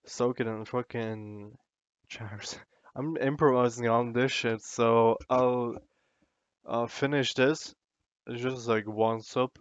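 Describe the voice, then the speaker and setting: A man's voice: mid-range voice, fairly even intonation, slow, clean tone, dry recording, lo-fi sound. A drunk man in a casual, sweary, meandering and self-deprecating ramble to the camera, as a vlogger does.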